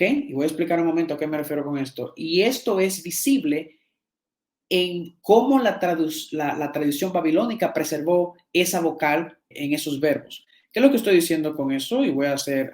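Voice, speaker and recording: A man's voice: a little high, expressive, moderate pace, darkish tone. A man teaching a seminar, explaining slides and often repeating and restarting words as he checks in with his listeners. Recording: echoey room.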